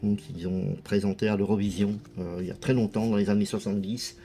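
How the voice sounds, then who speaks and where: A man's voice: lowish voice, steady tone, fast talker, dark tone, faint music behind. A man casually commenting as a video host, chatty and hesitant, with lots of fillers. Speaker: video host showing a music collection.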